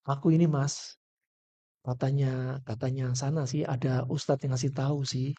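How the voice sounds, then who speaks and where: A man voicing a gentle wife who quietly pleads with her husband, coaxing and soft, in a dull lo-fi lecture recording. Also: medium pitch, flat delivery, moderate pace, no echo, pitched below the performer's own voice, close to an everyday voice. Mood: gentle pleading.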